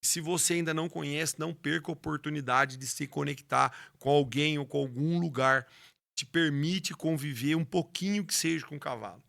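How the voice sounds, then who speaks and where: Gravelly, bright-voiced man. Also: a little high, normal speed. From Brazil. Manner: passionate storyteller, restarts words often. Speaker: rodeo announcer and horse trainer. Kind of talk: interview conversation.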